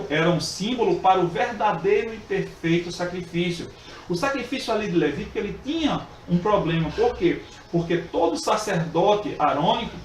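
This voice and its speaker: A high-voiced man teaches a Bible lesson in an earnest, repetitive way, circling back over his points. He is recorded from a distance in an echoey room with a faint hiss underneath. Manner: earnest, repeats phrases with frequent filler pauses.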